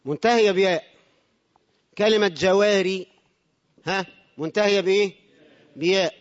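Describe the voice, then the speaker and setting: A man with a high Egyptian voice who teaches grammar by asking his students questions and supplying the answers. He is recorded on a muffled, lo-fi track in a room with long reverb, like a classroom or lecture hall. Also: moderate pace. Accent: Egyptian Arabic. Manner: asks the class questions and answers them himself.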